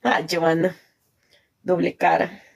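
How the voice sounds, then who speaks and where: A woman's voice: lowish voice, flat delivery, takes it slowly, gravelly, husky. A Salvadoran woman chatting casually on a phone live stream, reading viewer comments, laughing often and thanking viewers.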